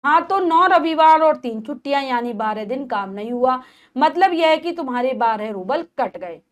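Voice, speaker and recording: A woman's voice: high-pitched, expressive, moderate pace. A woman teacher who reads a story aloud in short passages and then retells each part in simple words for her students. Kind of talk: explaining and reading a textbook story.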